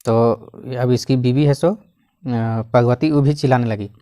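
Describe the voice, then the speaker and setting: A man teaching, who reads a line in a regional dialect and then explains it in plain Hindi, often coughing and clearing his throat. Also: medium pitch, fairly even intonation, normal speed, warm tone. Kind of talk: explaining a Khortha text line by line.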